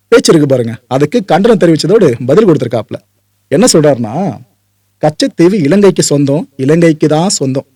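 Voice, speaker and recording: A man hosting political news commentary in a brisk, conversational way, dropping in English words. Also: fairly high pitch, warm tone, no room sound. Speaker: host.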